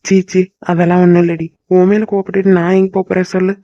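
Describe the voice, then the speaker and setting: Mellow, quick cartoon boyfriend voiced by a man. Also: high-pitched, monotone, dry recording, natural voice. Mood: apologetic. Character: young man boyfriend, possessive but tender. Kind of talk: cartoon voice acting. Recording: dull lo-fi dry recording.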